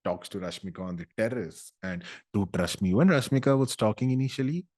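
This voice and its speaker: A young man, ranting about a movie in casual, comedic, sarcastic style, breaking into loud animated bursts. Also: on the low side, a little fast. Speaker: YouTuber.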